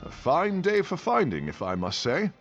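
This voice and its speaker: An actor playing a gruff old fisherman in a video game, musing and wistful. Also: fairly high pitch, wildly swooping pitch, normal speed, heavily acted. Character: gruff old sailor questgiver, grateful and wistful. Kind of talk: video game character acting. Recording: muffled game audio with music behind. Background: game music.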